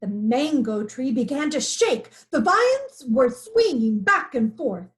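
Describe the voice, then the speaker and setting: A woman narrating a children's picture book aloud in an expressive storytelling way. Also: high voice, slow. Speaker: storybook reader.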